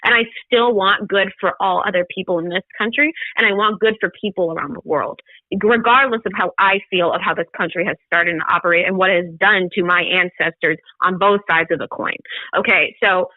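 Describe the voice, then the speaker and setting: A woman's voice: on the low side, brisk, no room sound. A woman from the United States, co-hosting a podcast and speaking in an earnest, emphatic way in casual discussion. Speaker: podcast co-host. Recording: thin phone-like line.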